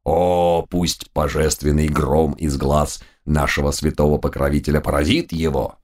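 For an audiobook, a man with an extremely low, level, darkish voice plays a trio of pompous, dim raccoon judges of a holy order. He draws out preachy phrases, each opened with a solemn "O."

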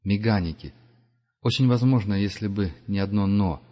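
A man narrating an audiobook in a measured, steady storytelling manner. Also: lowish voice. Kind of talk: scripted narration. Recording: dull lo-fi audiobook recording.

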